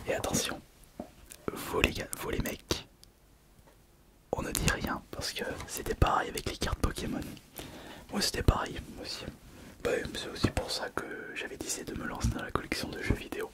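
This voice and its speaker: A man's voice: moderate pace, pauses often. A man whispering an intimate ASMR monologue, very close, as if right in the listener's ear. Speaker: ASMR video host.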